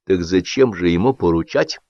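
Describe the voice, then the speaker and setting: A man's voice: sits low, expressive, normal speed, darkish tone, dry recording. A man voicing a nervous, fawning male newspaper deputy in an audiobook, with a dull lo-fi sound.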